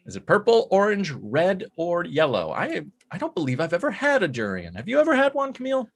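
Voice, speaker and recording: A man's voice: sits high, huge pitch swings, a little fast. A man hosting an online trivia show, announcing answers and leaderboard standings in an upbeat, chatty way. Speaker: trivia host. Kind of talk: announcing quiz results and leaderboard.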